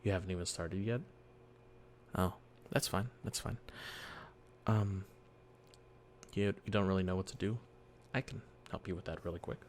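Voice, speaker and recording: Soft-spoken deep male dungeon master. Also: steady tone, a little hiss or hum. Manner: soft-spoken, gentle, reassuring; slow, patient explaining with fillers. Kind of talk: whispered role-play. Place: quiet home early morning.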